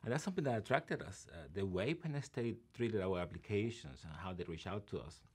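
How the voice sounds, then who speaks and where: A man's voice: on the low side, expressive, brisk, darkish tone, breathy edge. A man, a professor talking earnestly in an interview, often repeating words as he restarts. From Venezuela. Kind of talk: conversational interview.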